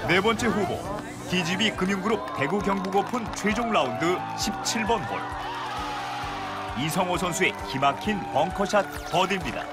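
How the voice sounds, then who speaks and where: A man delivering scripted highlight commentary as a golf commentator, in an announcer's style. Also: normal speed. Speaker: golf commentator, video narrator. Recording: music bed under voice. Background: loud background music.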